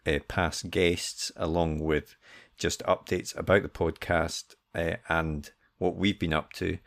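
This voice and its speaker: A man's voice: deep voice, level tone, slow pace, gravelly. A man co-hosting a podcast, chatting casually with a loose, rambling delivery. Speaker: podcast co-host. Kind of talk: casual podcast intro chat.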